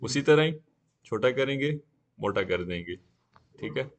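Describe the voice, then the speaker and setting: A man teaching a live beginner class on 3D software, talking casually and often saying "okay" while he works. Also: mid-range voice, expressive, unhurried. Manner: casual, repeats "theek hai" often. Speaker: 3D software instructor.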